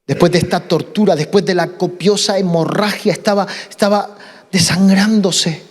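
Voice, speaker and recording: A male pastor delivering an impassioned sermon. His voice sits high for a man, and he repeats himself and restarts phrases as he builds his point. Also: steady tone, moderate pace, long reverb tail. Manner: impassioned, repetitive, with many restarts.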